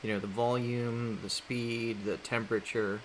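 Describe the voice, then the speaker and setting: Casual male streamer, mid-pitched, loose and rambling, laughs easily, slight hiss on the mic. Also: measured pace, poor audio. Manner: relaxed, rambling, laughs often, reads chat aloud. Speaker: artist streaming while drawing. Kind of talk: casual livestream chat.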